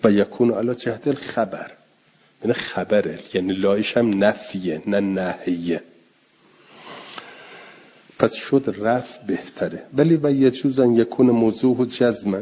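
A husky man gives a classroom lecture, reading a text and explaining it phrase by phrase. He stretches out words he repeats for his students. The recording sounds dull and lo-fi. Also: fairly low pitch, dark tone. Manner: reads Arabic phrases then explains them, drawing out repeated words slowly. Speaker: teacher of Arabic grammar and Quran exegesis.

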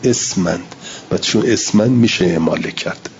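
A man's voice: low voice, highs cut off, a little hiss or hum. A man lecturing a class on Quran recitation, reading Arabic lines and explaining them in casual Persian, sounding out examples and repeating himself.

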